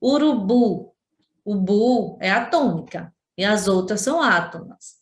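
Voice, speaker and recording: A woman's voice: medium pitch, expressive, measured pace. A woman teacher from Sergipe with a Brazilian Portuguese accent, giving a remote class lesson and patiently repeating and stressing syllables. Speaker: schoolteacher. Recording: roomy echo.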